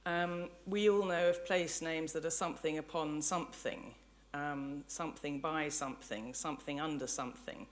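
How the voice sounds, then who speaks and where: With a low-pitched voice, a steady tone and a moderate pace, an English-accented professor from England lectures publicly to an audience in a lecture hall. She thinks aloud reflectively, sometimes hesitating and correcting herself as she goes.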